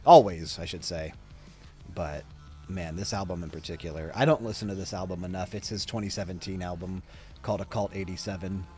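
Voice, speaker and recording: Tired low-voiced man with faint music. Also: a little mellow. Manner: rambling, sluggish, swears casually. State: tired and drowsy. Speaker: reaction video host. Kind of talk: casual reaction vlog chat.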